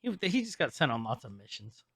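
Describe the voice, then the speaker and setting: A man's voice: medium pitch, big pitch swings, quick pace, fairly bright tone, husky, no echo, studio quality. A man co-hosting a podcast, casually recapping a show, rambling, laughing often and stumbling over names. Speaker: podcast co-host. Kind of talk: casual chat recapping an episode.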